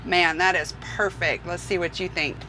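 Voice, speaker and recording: A woman's voice: lowish voice, fairly even intonation, moderate pace, bright, forceful tone, slight background noise. A woman co-hosting a trucking vlog, chatting casually and gushing over food as she tries it inside a truck cab. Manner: gushing, exclamatory. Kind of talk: casual cooking chat.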